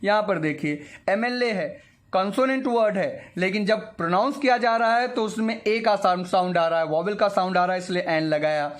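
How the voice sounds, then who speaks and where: A young man teaching a grammar lesson in a high voice. He is patient and methodical, repeating each word aloud to model its sound. He slips English phrases into his explanation as he goes. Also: moderate pace.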